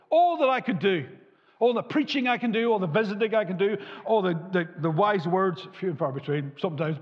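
Animated preacher in an echoing hall. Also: male voice, high-pitched. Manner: animated, gesturing widely, rising to emphatic peaks and dropping to quiet asides. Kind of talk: sermon. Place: church hall with a lit tree behind a lectern. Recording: muffled, with long hall reverb.

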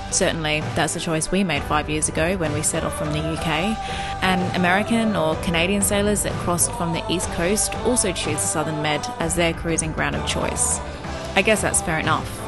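Femme jeune, narration écrite, voix assez grave, musique bien audible derrière. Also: female voice, lowish voice. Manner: smooth, descriptive storytelling. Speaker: sailing vlogger, narrator. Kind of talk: scripted voice-over narration. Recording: voice-over with music underneath.

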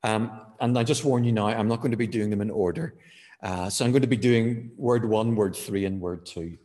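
A man preaching a sermon in a church, measured, with frequent fillers, slowing down to stress key words. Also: fairly low pitch, mellow, in a large hall.

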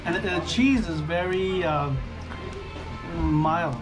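American guy in his 30s chatting over yakitori, relaxed, tasting food as he talks, music in the background. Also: a little high, takes it slowly, low-quality recording. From Washington DC area, USA. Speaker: YouTuber. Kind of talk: casual chat over dinner. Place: busy yakitori restaurant booth. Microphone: camera on the table.

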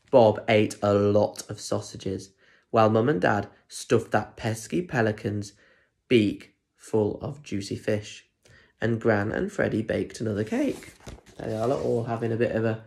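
A primary school story reader, a British man in his twenties, playfully reads a children's story with chatty asides and questions for the kids. His pitch is medium; the phone or tablet at arm's length in a plain home room adds a little hiss or hum.

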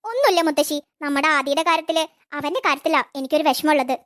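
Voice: sits high, quick pace, fairly bright tone. A performer voicing a sweet, devoted young granddaughter in a cartoon. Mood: affectionate.

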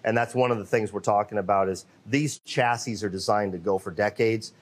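A man's voice: on the low side, fairly even intonation, fairly quick. A man hosting a live, unscripted company walkthrough in an indoor cabinet workshop. He speaks off the cuff into a handheld microphone, with many fillers and restarts. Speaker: host of a live company show.

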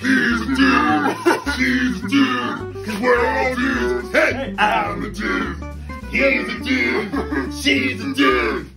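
A man speaking in a deep, booming voice from inhaling a heavy gas, playful and sing-song in a silly comedy skit. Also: animated, extremely slow, loud music behind the voice, low-quality recording. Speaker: guest.

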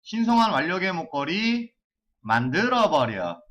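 A man's voice: high voice, sing-song, unhurried, fairly bright tone. A man streaming an online game live, chanting and cursing as he gambles on item upgrades.

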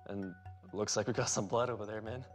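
A man's voice: on the low side, steady tone, music in the background. A young man, the target of a prank, reacting casually in a small diner and often saying "man". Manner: quick, casual, says man a lot. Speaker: prank target riding along as guest host. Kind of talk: casual reactions on a hidden-camera show.

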